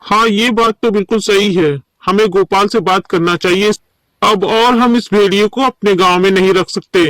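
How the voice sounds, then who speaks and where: A man's voice: sits high, normal speed, fairly bright tone, no room sound. A man voicing a stern, worried village man in a cartoon story, who speaks in a firm, urging way. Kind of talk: cartoon voice acting.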